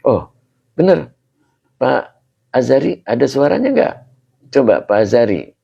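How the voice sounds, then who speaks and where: A man's voice: medium pitch, sing-song, measured pace, vocal fry, husky. A man teaching a religious text class over a video call, greeting students by name and explaining patiently. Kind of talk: online kitab class. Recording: dull lo-fi call audio.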